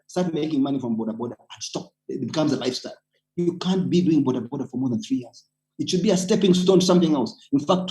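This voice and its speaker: Poor audio carries a dark, mid-range male voice with a Ugandan accent. He's a community organizer speaking on a webinar panel, relating his own story and making earnest, emphatic, persuasive calls to action.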